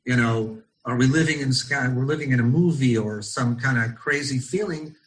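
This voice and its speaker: A middle-aged rabbi from Los Angeles, United States, now at home in Israel, leads an online study session over a video call. He speaks thoughtfully at medium pitch, often pausing with ums while he searches for words.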